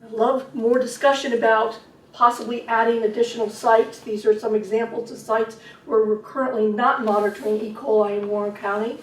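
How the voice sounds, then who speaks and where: A woman presenting a funding request at a public meeting, talking fast and apologetic in a casual way. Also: fairly high pitch. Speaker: agency presenter. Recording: echoey meeting room from a distance.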